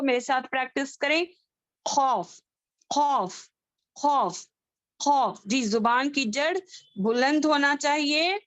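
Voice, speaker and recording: Patient woman teacher, high voice, slow and deliberate, leads students through letter drills in an online class. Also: no echo. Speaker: Quran recitation teacher. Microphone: video call.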